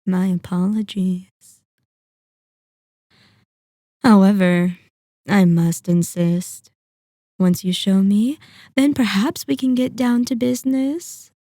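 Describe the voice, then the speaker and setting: This close, dry ASMR roleplay features a woman acting a possessive, sadistic vampire lord with a captive hunter. Her soft, mellow, mid-range voice, fairly even and close to her everyday speech, sounds covetous and insistent. She stretches her words slowly, silky and mock-courteous yet menacing.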